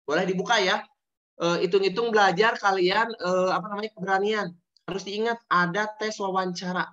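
A man's voice: sits high, steady tone, brisk, bright, forceful tone. A male teacher leads an online science lesson. He drills the key terms again and again and keeps asking his students questions. The audio is dull and lo-fi, like a video call. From Indonesia.

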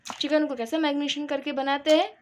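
A woman with a high voice hosts a casual cooking video from her home kitchen. She talks the viewer through each ingredient in a chatty, step-by-step way, recorded on a phone with faint frying noise behind her. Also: little pitch movement, a little fast, darkish tone, poor audio. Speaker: cooking channel host.

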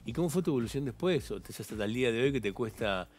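Argentine TV doctor-host interviewing. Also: male voice, medium pitch, lively intonation, fast talker, loud music behind the voice. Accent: Rioplatense Spanish. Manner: conversational, probing.

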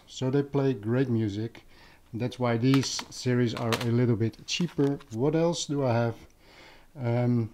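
A Dutch man with a matching accent, an audio enthusiast, talks casually and without a script for a vlog in his living room, searching for words as he goes. His medium-pitched voice is mellow, with slight background noise.

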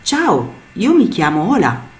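A woman's voice: on the low side, huge pitch swings, slow, exaggerated voice. A woman voicing a young, curious female cloud in a storybook tale, with an eager, wondering manner.

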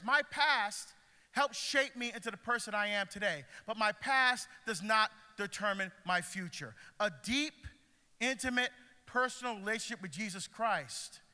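A middle-aged man from Barbados, a deacon, preaching with animated, emphatic energy to a school audience. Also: sits high. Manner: animated, emphatic, moves around the stage. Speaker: deacon speaker. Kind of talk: passionate preaching talk. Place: large school pavilion, indoors. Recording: long hall reverb.

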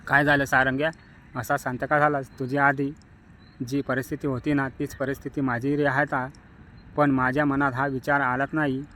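A man doing an earnest childhood friend, encouraging, a touch louder, storybook voice. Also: mid-range voice, little pitch movement, normal speed, a little hiss or hum, close to an everyday voice.

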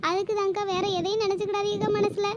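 A woman voicing a grieving young mother in a cartoon, pleading and lamenting with a very high, squeaky voice. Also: little pitch movement, very fast, heavy background noise. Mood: tearful lament. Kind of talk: cartoon voice acting.

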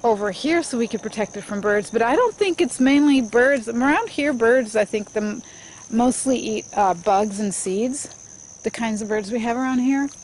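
Middle-aged gardener lady, bit high-pitched, throat a little clogged, rambles with lots of ums outdoors. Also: normal speed, darkish tone, a little hiss or hum. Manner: chatty, thinks aloud with many fillers and restarts. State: throat congested from allergies. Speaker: homestead gardening vlogger. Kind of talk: casual garden walkthrough. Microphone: handheld camera at arm's length.

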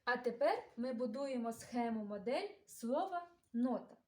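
A preschool teacher with a Ukrainian accent speaks in a high, bright-toned voice. She draws each word out slowly and carefully for small children. Her voice rings in an echoey room. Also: lively intonation. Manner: slow, carefully enunciated, sounding out words. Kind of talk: children's literacy lesson.

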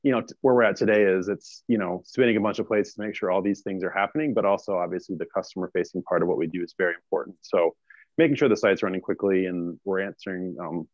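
A man's voice: low voice, fast talker, dry recording, lo-fi sound. A man in his forties, a startup cofounder, talking casually with many fillers in a video call interview from a small office.

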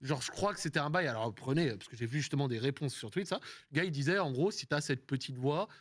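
A man chatting as a guest, explaining his view in a lively way. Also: medium pitch, quick pace, no echo, clean studio sound. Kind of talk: casual group chat.

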